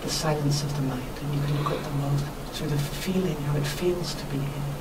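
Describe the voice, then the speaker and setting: A woman being interviewed on radio as a workshop teacher, explaining spiritual ideas in an earnest, reflective, measured way. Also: deep voice, fairly even intonation. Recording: noisy, distant microphone.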